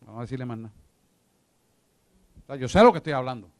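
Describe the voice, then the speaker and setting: A man talks fast and animatedly at medium pitch, with no room sound, while teaching a church discipleship class. He hammers his points, repeats himself, and keeps asking whether people follow him.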